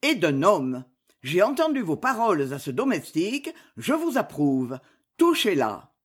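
A woman doing a gruff blustering old uncle. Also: on the low side, big pitch swings, a little slow, heavily acted. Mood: approving.

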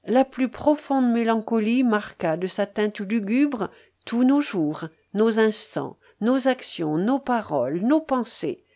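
A woman reading a novel aloud in a measured, mournful way. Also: a little high, animated, warm tone. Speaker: reader. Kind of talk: literary audiobook narration.

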